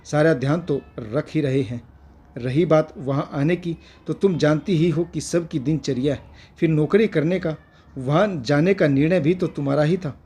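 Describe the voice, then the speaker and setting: A curt, dismissive middle-aged husband who lectures his wife, read aloud by a man with a husky, slightly high voice. He is a figure from a spoken family story. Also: moderate pace, mellow.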